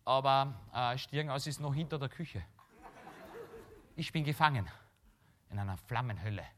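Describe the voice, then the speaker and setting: A man with a Viennese accent doing a stand-up comedy monologue, telling a story with lively asides and tag questions. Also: mid-range voice, normal speed. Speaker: cabaret comedian.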